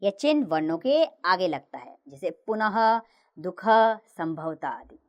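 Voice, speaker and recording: Female teacher voice for a kids' lesson, clear and slow, with lively pitch. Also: highs cut off. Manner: slow, clear recitation of letters with lively sing-song rises and falls. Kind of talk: children's grammar lesson narration.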